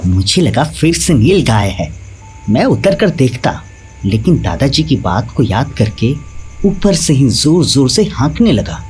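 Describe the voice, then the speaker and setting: A man narrating a scripted horror story in a dramatic, animated storytelling manner. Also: mid-range voice, a little slow, slight background noise. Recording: faint background music.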